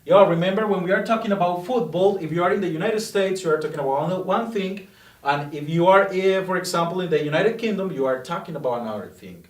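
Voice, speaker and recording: A man giving a patient, explanatory English grammar lesson, repeating example sentences slowly. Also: high voice, reverberant, distant mic. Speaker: English teacher.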